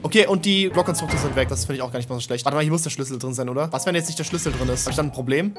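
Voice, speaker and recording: A young man streaming a video game, commentating his play in an excitable, slangy way and talking to himself. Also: medium pitch, very fast. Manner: excitable, slangy, talks to himself while playing. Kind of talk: live gameplay commentary. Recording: game music behind the voice.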